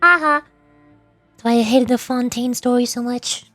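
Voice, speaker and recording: This VTuber, a young woman with a high voice, rambles and teases playfully while commenting on a game, though her delivery is monotone, brisk and dark in tone. The recording is close-miked and dry with no echo, backed by music.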